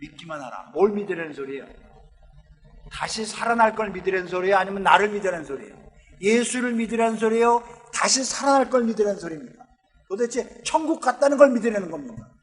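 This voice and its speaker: A man preaching a sermon as a pastor, telling the story with lively acted-out lines from the characters. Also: sits high, fast talker. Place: church sanctuary. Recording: long church hall reverb.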